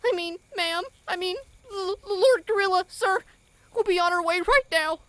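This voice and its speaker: A woman's voice: very high voice, normal speed, sharp tone, dry recording. A woman voicing a jittery young animal who scares easily and stutters. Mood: nervous. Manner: nervous, stuttering.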